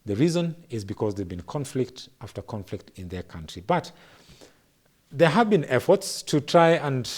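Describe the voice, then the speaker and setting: A man with a Kenyan English accent hosting a studio talk show, measured and searching in his phrasing. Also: mid-range voice, very animated.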